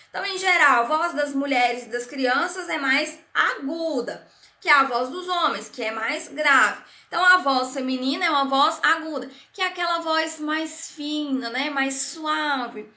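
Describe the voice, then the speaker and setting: High bright-voiced Brazilian teacher. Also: female voice, reverberant. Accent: Brazilian Portuguese. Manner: patient, repetitive explaining with frequent "né?" and "certo?". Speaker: primary school science teacher. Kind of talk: recorded remote class lesson.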